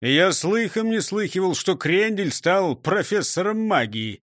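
A man playing a gruff, grumbling middle-aged police chief who speaks curtly. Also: high-pitched, animated, unhurried, fairly bright tone, no echo, studio quality, pitched above the performer's own voice. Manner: grumpy, curt.

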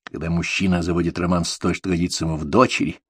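A man's voice: deep voice, flat delivery, fast talker, slightly rough, no room sound, clean studio sound. A man narrating a confessional story in an intimate way, speaking to his son. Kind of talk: audiobook reading of a confessional novel.

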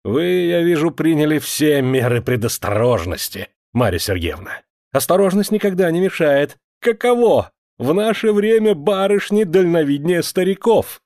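A man reading a gruff, sneering cavalry officer. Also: lowish voice, measured pace, darkish tone, no room sound, clean studio sound, natural voice. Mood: mocking. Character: coarse, hot-tempered older male cavalry officer. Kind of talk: audiobook character reading.

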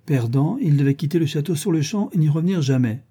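A man voicing a timid lovesick young gentleman. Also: a little high, expressive, fast, slightly rough, pitched above the performer's own voice. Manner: timid, pleading. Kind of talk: audiobook character reading.

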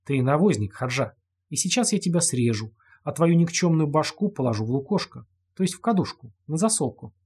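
A man reading an audiobook, voicing a calm, vengeful young killer who talks in a detached, mocking way. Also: on the high side, brisk, husky. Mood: cold menace. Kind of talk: audiobook character voice.

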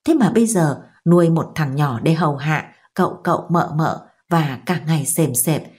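Woman reading a novel out loud, low mellow voice, steady and even. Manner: steady, measured storytelling. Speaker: audiobook reader. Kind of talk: audiobook narration of a novel.

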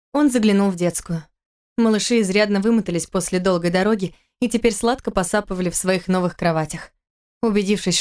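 A woman reading a novel aloud as audiobook narrator, in a steady, measured manner. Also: medium pitch. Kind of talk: scripted narration.

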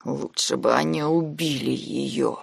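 A woman voicing a weakened, bitter young man in an audiobook, his voice hoarse and strained. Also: on the low side, big pitch swings, slow, no echo, studio quality, heavily acted. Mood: despairing whisper. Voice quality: hoarse whisper turning to rasping shouts.

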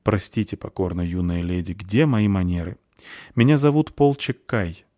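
A man's voice: low voice, moderate pace, mellow, natural voice. A man voicing a courteous, wry male theatre owner with polished manners in an audiobook. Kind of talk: audiobook character voice.

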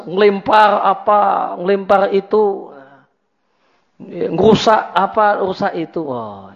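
A man giving a religious study lecture in a chatty, repetitive way. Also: sits high. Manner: conversational, repetitive, drops in Javanese words. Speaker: Islamic teacher. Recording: dull lo-fi lecture recording.

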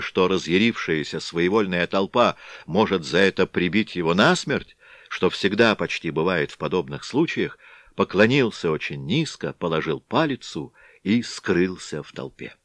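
Man, low voice, lively melody, dry close recording, literary narration. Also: normal speed, dry recording. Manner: expressive storytelling. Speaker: audiobook narrator.

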